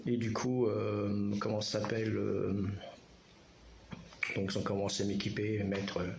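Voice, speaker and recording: A tired man, worn out after surgery and anesthesia, chatting casually to camera in a rambling, halting way and repeating himself. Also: on the low side, level tone. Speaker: vlogger. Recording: echoey room, clear background noise.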